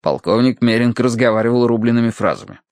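A man reading an audiobook in a measured, wry storytelling manner into a close studio mic. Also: mid-range voice, animated, a little mellow, no echo. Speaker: audiobook narrator. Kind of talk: scripted audiobook narration.

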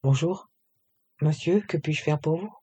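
A man's voice: fairly high pitch, a little slow, warm tone, slightly rough. A man voicing a shy young woman who works in a clothing shop and blushes easily. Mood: polite. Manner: shy, hesitant.

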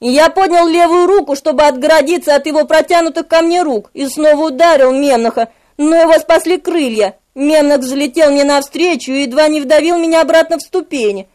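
A woman narrating a novel in the first person. Her voice is high and her reading is dramatic and vivid, with scripted, steady storytelling. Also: brisk, few pauses. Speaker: audiobook narrator.

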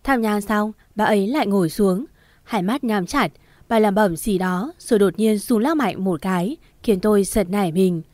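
A woman reads a first-person story aloud, steady and measured. Her voice has a mid pitch and is recorded dry and close, with no room sound. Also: dry recording. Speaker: narrator.

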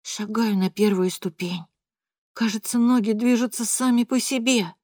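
A woman reading a first-person audiobook in a quiet, even storytelling voice. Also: a little high, normal speed, no room sound, clean studio sound. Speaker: audiobook reader.

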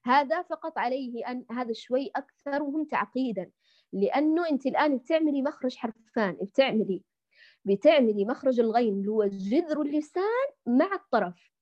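A woman's voice: high voice, expressive, a little mellow. Patient woman teaching recitation, dull sound. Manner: patient, demonstrating sounds slowly; addresses listeners fondly as dears. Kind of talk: recorded online lesson.

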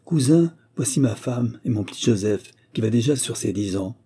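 A man's voice: lowish voice, a little fast, mellow, slightly rough. A man voicing a cordial middle-aged father who greets a guest with hearty exclamations. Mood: jovial.

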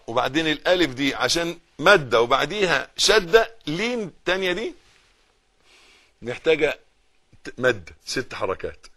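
A man's voice: mid-range voice, fairly bright tone. A middle-aged Egyptian man teaching Quran recitation, correcting mistakes and repeating each word for the listener to follow. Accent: Egyptian Arabic.

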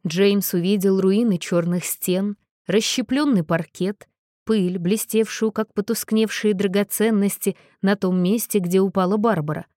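A woman narrating an audiobook in a steady, expressive way. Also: mid-range voice, a little slow, no room sound, studio quality.

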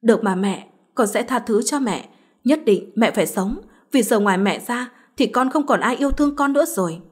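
A woman voicing a spoiled, vicious young woman who turns from pleading to threats, in a husky voice. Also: on the high side, animated, moderate pace, a little mellow. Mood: grieving. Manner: shifts between pleading and snarling threats.

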